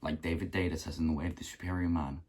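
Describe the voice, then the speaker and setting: Young guy vlogging self-improvement stuff, deep voice, kinda husky, keeps clearing his throat. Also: fairly even intonation, fast talker, darkish tone. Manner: earnest, repeats himself for emphasis. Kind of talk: motivational talk to camera.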